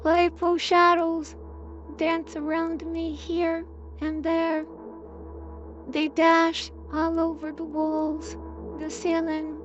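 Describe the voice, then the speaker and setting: A woman's voice: very high voice, monotone, slow pace, lo-fi sound, soft background music. A woman playing a horror game, her voice run through a robotic auto-tune filter, commenting and reading the game's text aloud in a sing-song way.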